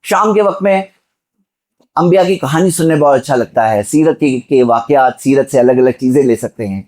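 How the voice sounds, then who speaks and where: A man's voice: medium pitch, a little mellow. A man delivering a Friday sermon, exhorting the listeners and asking them rhetorical questions. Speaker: preacher.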